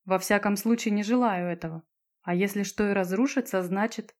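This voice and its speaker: Calm composed new schoolgirl, read by a woman. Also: mid-range voice, normal speed, natural voice. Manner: calm, even.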